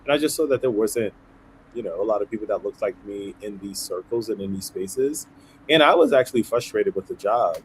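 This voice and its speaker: The thirtysomething nonprofit founder, who came from Haiti and grew up in Brooklyn, talks earnestly as a guest in a conversational interview, frequently tagging on "right?". He speaks a little fast in a fairly low voice, and the low-quality recording carries slight background noise.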